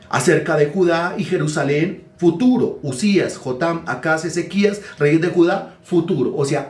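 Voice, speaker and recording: Questioning the congregation and dictating words for them to note, a pastor preaches a teaching sermon. His voice is fairly high with a darkish tone, and the recording is reverberant.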